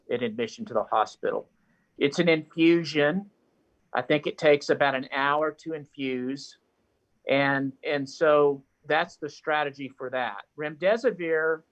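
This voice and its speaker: A man's voice: on the high side, fairly bright tone. A man, a doctor, explaining treatments at a press briefing, often repeating words as he goes. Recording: dull lo-fi audio.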